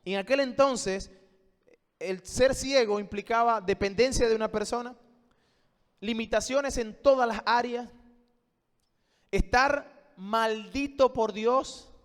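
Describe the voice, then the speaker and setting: A male pastor preaching a sermon, moving between hushed and emphatic lines with rhetorical questions. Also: very high-pitched, takes it slowly, pauses often, smooth. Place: church. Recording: long church reverb.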